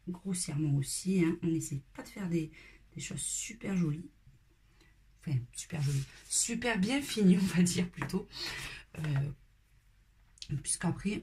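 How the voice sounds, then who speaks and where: A woman hosting a step-by-step coloring tutorial, talking in a casual, relaxed way with fillers and dropping at times to a whisper. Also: lowish voice, a little hiss or hum.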